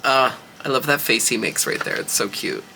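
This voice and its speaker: A man's voice: mid-range voice, very animated, normal speed, vocal fry, sharp tone, a little hiss or hum. A man talking like a sassy, gushing drag queen, giving casual, slangy reaction commentary.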